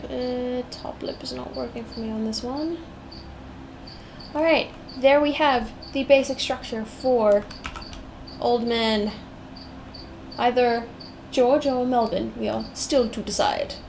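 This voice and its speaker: A young South African woman, a live-streaming digital artist, thinks aloud while drawing, chatting and humming to herself in a meandering way. Her accent mixes British and American-tinged English, and her voice is a little high and slow with vocal fry. Steady noise and crickets sit behind her.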